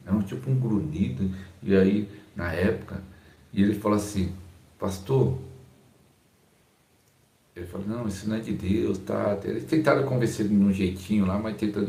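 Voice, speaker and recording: Male Brazilian pastor, deep, dark-toned, talks slowly and softly, phone mic with room echo. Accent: Brazilian Portuguese. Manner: slow, calm, deliberately soft-spoken. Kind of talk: informal teaching talk to a live audience. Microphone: phone's built-in mic.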